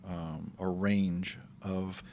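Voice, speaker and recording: A man hosting a podcast, speaking in an easygoing, halting way with small asides. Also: deep voice, little pitch movement, creaky, a little mellow, a little hiss or hum. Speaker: podcast host. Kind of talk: casual conversational podcast.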